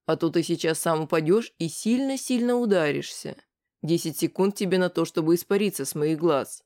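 The reader voicing a calm, menacing grown man who speaks slowly and quietly in an audiobook. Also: medium pitch, natural voice. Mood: calm threat. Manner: slow, quiet, measured.

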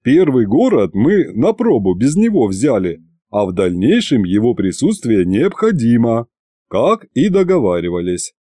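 A man voicing a calm, tired military commander who speaks in a measured, patient way. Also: medium pitch, no echo, studio quality. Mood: weary.

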